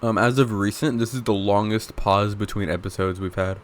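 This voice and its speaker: A young man co-hosting a podcast in casual chat, rambling and interrupting himself, with deadpan teasing. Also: fairly low pitch, moderate pace, a little hiss or hum. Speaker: podcast co-host.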